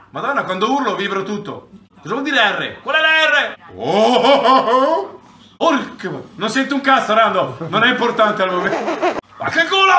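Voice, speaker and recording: A man reacting loudly to a virtual reality game, swearing and shouting in excitement. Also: high voice, distant mic. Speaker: presenter playing a VR game. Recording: echoey room, voice off-mic.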